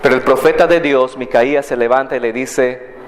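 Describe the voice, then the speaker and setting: A male pastor preaching a sermon in a church, telling the story in an animated way and acting out voices. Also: medium pitch, a little fast, big-room sound, a little hiss or hum.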